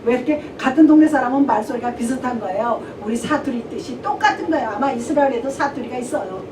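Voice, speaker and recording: A woman's voice: a little high, quick pace. Echoey woman pastor preaching from afar. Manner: animated storytelling, acting out the dialogue. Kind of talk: sermon. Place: church sanctuary. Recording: echoey church from a distant mic, with background noise.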